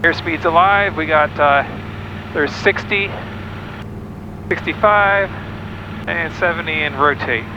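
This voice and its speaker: Man flying a small plane, heard over his cockpit headset, steady callout delivery, voice sits a bit high. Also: takes it slowly, pauses often, highs cut off, background noise. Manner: calm, running checklist callouts. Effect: speaking over the aircraft intercom headset in the cockpit. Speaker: pilot. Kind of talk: talking through a test flight. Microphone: headset mic.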